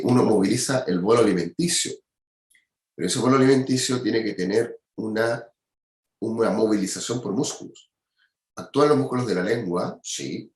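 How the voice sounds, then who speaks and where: A man's voice: on the low side, roomy sound. A man giving a university anatomy lecture, checking in with his students again and again. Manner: explanatory, peppers speech with "¿ya?" and "¿cierto?".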